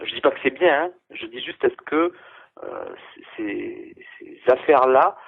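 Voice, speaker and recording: A man on a football debate show, musing hesitantly and asking a tentative question. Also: medium pitch. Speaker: radio guest. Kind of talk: debate talk. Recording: tinny phone line.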